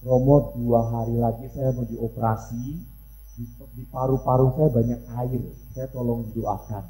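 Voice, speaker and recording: Man doing a frail elderly woman, soft plaintive voice, low and quiet, echoey hall, faint music behind. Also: level tone, normal speed, close to an everyday voice. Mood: fearful. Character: frail elderly woman, frightened then calm.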